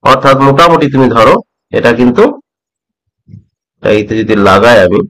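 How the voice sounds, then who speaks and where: A middle-aged man from West Bengal teaching a trading method, talking slowly and repeating points, often checking that the listener follows. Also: medium pitch, expressive, fairly bright tone, low-quality recording. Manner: slow, repeats points, asks "ঠিক আছে?" often. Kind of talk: slow explanatory tutorial.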